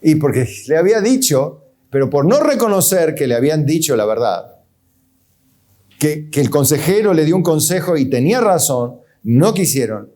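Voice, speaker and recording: A man's voice: on the high side, lively intonation, moderate pace, warm tone. A man pastor with an Argentine accent, preaching a sermon in a conversational way, full of rhetorical questions and light chuckles. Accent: Argentine Spanish.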